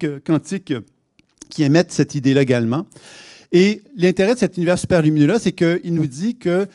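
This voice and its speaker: A man with a Québécois French accent speaks at a conference. He explains things at length, often pausing on fillers and starting his sentences over. His voice sits a little high and the sound is close and dry. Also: darkish tone, no room sound. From Quebec. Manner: hesitant, many restarts and fillers. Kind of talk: public lecture. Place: conference hall.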